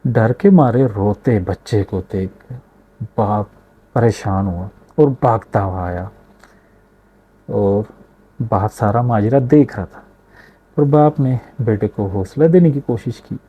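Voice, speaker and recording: A man's voice: on the low side, takes it slowly, long pauses, slightly rough, narrow, tinny audio. A man telling a moral story, speaking directly and unhurriedly to his listeners.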